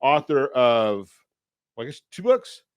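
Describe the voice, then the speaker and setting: A man's voice: mid-range voice, very animated, no room sound, highs cut off. This is a middle-aged man hosting a talk radio show, and his voice sits in a middle range. He chats casually, jokes at his own expense and restarts his sentences often. He is recorded on a dry, close studio mic. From Southern California. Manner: self-deprecating, halting, full of repeated words.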